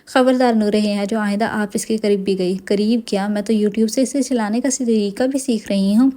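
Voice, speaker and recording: A woman's voice: medium pitch, steady tone, dark tone, lightly acted. A woman reading the lines of a young wife who is lovesick, sulky and playful, in an audiobook. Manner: pouting, emotional.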